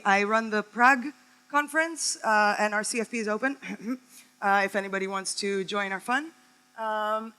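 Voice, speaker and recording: A woman's voice: medium pitch, pushed and bright, rough recording. A woman from California, giving a chatty, upbeat conference talk on stage, with many ums. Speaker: conference speaker.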